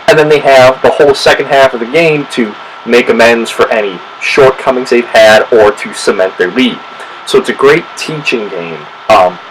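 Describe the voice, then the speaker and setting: A man hosting a casual board game review, chatty and relaxed, correcting himself as he goes. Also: mid-range voice, a little hiss or hum, low-quality recording.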